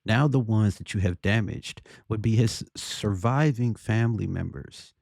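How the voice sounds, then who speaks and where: A man giving casual opinion commentary on a video, deliberately, often checking for agreement with rhetorical questions. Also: lowish voice, creaky, darkish tone, no room sound, studio quality.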